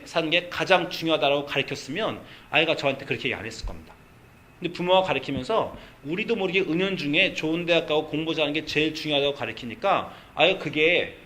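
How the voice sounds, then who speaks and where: Lively Korean pastor preaching. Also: male voice, fairly high pitch, slight background noise. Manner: conversational, animated preaching with quoted dialogue. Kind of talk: sermon. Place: church sanctuary.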